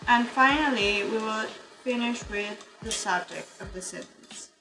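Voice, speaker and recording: A fairly high-voiced woman teaches English grammar in an online class, walking through each point patiently and pausing to ask "okay?" Music plays clearly behind her voice. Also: low-quality recording. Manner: patient, explanatory, frequent "okay?" checks. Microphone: computer mic in virtual session.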